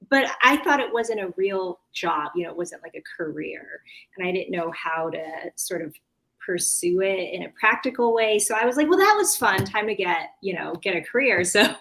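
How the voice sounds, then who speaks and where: This Californian woman, a guest being interviewed, has a mid-range and fairly bright voice. Her casual conversation is full of self-interruptions as she gropes for the right words.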